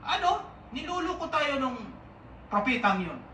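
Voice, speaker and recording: Man doing a furious high-pitched general, indignant shouting, echoey hall, distant mic. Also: big pitch swings, measured pace, slight background noise, exaggerated voice. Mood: outraged. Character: angry proud male army general.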